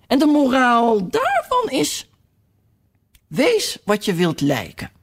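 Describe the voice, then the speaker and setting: Pompous old duchess, high and drawn out, put on by the reader; storybook audiobook. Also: wildly swooping pitch, slow, full character voice. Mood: rambling. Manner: rambling, moralizing. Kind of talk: audiobook reading.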